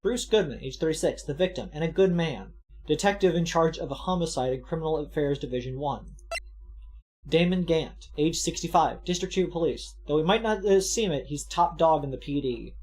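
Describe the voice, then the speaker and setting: A woman's voice: sits low, darkish tone. A woman in a casual video game playthrough, chatting and reading aloud from the game.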